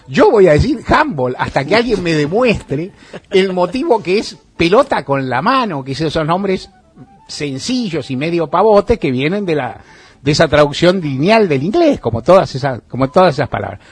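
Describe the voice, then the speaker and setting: A man's voice: on the high side, sing-song, moderate pace, breathy edge. A man hosting a radio talk show in Argentine Spanish, musing in a wry, ironic way and chuckling as he talks. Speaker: radio host. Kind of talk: casual radio monologue.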